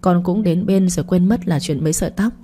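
A woman's voice: lowish voice, a little fast, warm tone, natural voice. A remorseful spoiled daughter, read by a woman. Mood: confessing. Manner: apologetic, tearful. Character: spoiled young adult daughter, remorseful and tearful. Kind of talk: audiobook reading.

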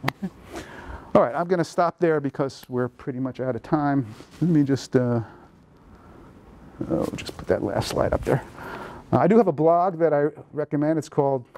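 A man, a pediatrician, giving a lively lecture on parenting to an audience in a lecture room, acting out children's thoughts as he goes. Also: a little high, moderate pace, long pauses, a little hiss or hum. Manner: lively, animated, acts out kids' thoughts.

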